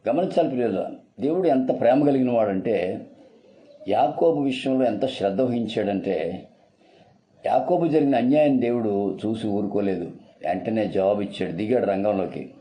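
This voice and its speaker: A man's voice: on the low side, normal speed, mellow, rough recording. A man preaching a sermon in an earnest, repetitive, urgent style.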